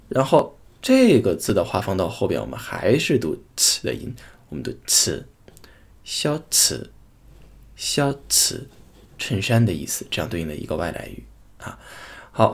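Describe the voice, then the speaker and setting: A man teaching a pronunciation lesson, saying each sound twice in slow, drawn-out demonstrations. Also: sits low, very animated, vocal fry, darkish tone, husky. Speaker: language teacher.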